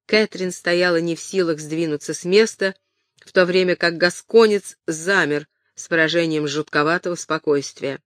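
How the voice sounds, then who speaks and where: An audiobook reader giving an even, measured scripted narration. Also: mid-range voice, no echo, studio quality.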